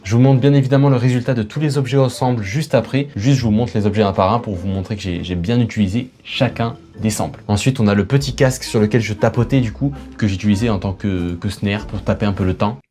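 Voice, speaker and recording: A man's voice: lowish voice, fast talker, few pauses, mellow. A man recording a casual video in his bedroom, making music and chatting with viewers in a self-mocking way. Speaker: music producer YouTuber.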